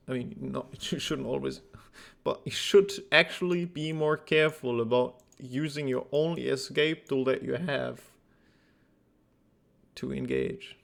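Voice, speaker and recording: Gravelly, blunt esports coach. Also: male voice, mid-range voice. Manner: blunt, teasing, thinks aloud with fillers. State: out of breath. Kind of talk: casual game replay review.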